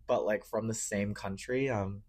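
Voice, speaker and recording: Young male guest, lowish voice, relaxed and chatty, filler-heavy. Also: unhurried. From Cambodia. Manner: relaxed, frequent fillers, laughs easily. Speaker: interview guest, marketing manager. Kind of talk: casual interview.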